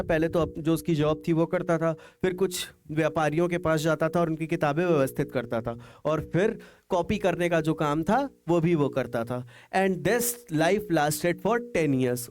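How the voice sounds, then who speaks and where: A man teaching an English lesson, reading each English line slowly and then explaining it in Hindi. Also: on the high side. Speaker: English tutor.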